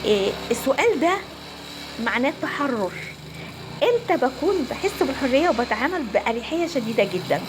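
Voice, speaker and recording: A woman family counselor with an Egyptian Arabic accent, giving a casual, animated talk to viewers. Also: high voice, quick pace, background noise. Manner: animated, conversational, acts out quoted voices.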